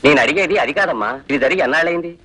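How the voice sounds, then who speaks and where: A fatherly, animated doctor. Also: a little high, very fast, a little hiss or hum, rough recording. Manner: calm, paternal advice. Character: fatherly male doctor advising a young woman. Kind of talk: Telugu film acting.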